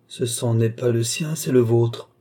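A man's voice: mid-range voice, steady tone, mellow, natural voice. A man voicing an entranced young seer woman. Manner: halting, visionary description in short phrases. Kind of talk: audiobook reading.

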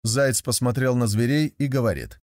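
A man reads a fairy tale aloud in a steady, measured way, his voice at a middle male pitch. The recording is close and completely dry, with no room sound. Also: no room sound. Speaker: narrator.

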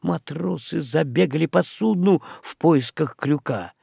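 A man reads a story aloud, slow and expressive, his voice lively in pitch. A gravelly texture and a dry, close sound mark the recording. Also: no echo. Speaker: narrator. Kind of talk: audiobook reading.

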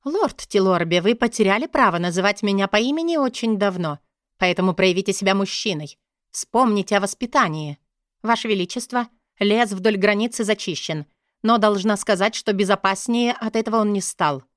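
Woman doing a sharp, mocking lady commander. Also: medium pitch, expressive, normal speed, no echo, clean studio sound, lightly acted. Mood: scornful.

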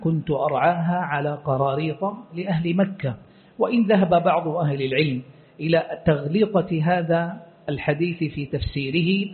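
Man lecturing on a tinny recording. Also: on the high side. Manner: measured, explanatory, quotes sources then comments. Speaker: Islamic scholar teaching a text. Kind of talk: classroom lecture explaining a hadith text.

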